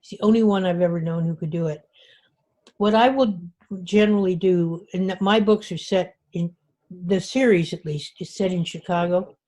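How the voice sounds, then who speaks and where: A woman's voice: on the low side, fairly even intonation, moderate pace, dark tone. A woman author giving an informal talk to a writers group, speaking conversationally with frequent restarts. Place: meeting room.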